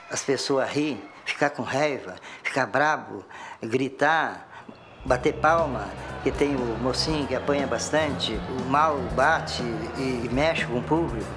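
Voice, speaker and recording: A man speaks in a medium register. His manner is colloquial and plain, like a working wrestler in a casual interview. Music sits faintly behind him. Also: medium pitch. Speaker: lucha libre wrestler.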